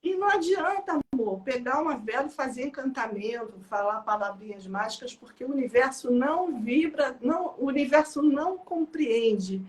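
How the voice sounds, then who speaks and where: Lady, high voice, chatty and laughing, telling stories about her book. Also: normal speed, few pauses. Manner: lively, laughing anecdotes. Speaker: author presenting her book. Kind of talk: casual storytelling talk.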